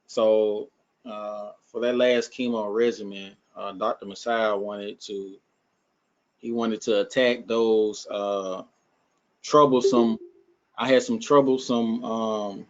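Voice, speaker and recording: A man's voice: fairly low pitch, steady tone, slow pace. A man with an Alabama accent talking casually as he hosts an online support group. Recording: muffled video-call audio.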